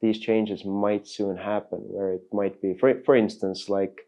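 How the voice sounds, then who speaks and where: A man's voice: lowish voice, flat delivery, a little slow, mellow, muffled recording. A man hosting a podcast, asking long, rambling, searching questions in casual conversation. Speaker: podcast host. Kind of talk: casual interview.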